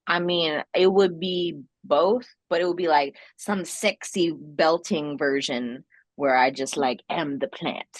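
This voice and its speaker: Woman, low voice, playful rambling podcast guest, dry close sound. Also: unhurried, no room sound. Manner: playful, rambling, laughs often. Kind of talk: casual podcast chat.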